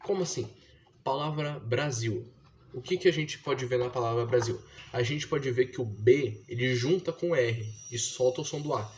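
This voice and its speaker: A man's voice: mid-range voice, moderate pace, a little mellow, a little hiss or hum. A young man from Brazil, talking casually and explaining step by step, with slangy fillers. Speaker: vlogger teaching his younger sister to read. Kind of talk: casual slangy monologue to camera.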